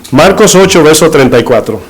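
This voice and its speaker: In church, a middle-aged pastor preaches a sermon in short, emphatic phrases, putting rhetorical questions to his congregation. His voice is on the high side and husky, and the recording quality is low.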